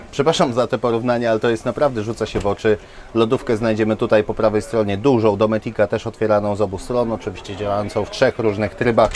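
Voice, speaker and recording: A man's voice: fairly low pitch, darkish tone. Chatty man touring a caravan at a fair. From Poland. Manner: enthusiastic, talks straight to viewers with many fillers. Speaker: caravan show presenter. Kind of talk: walkthrough presentation. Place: inside caravans at a large indoor trade fair hall. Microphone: lapel mic.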